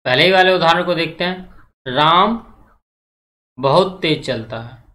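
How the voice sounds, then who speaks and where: A Hindi grammar teacher with a fairly high, bright and forceful voice delivers an exam-prep lecture at a measured pace. He tends to repeat things, throws questions to his class and supplies the answers, and checks in frequently.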